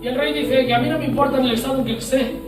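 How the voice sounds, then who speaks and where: A high-pitched man with a Spain Spanish accent preaches a sermon, telling a story and voicing its characters. He sounds set back from the microphone in a very echoey church, with music playing behind him. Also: fairly even intonation, very fast. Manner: storytelling, acts out scenes with voices. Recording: echoey church hall, mic at a distance.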